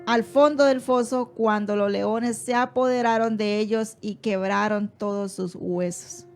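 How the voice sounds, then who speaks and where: Slow, measured woman reading scripture. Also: mid-range voice, steady tone, a little mellow, faint music behind. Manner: measured, deliberate reading with brief affirmations.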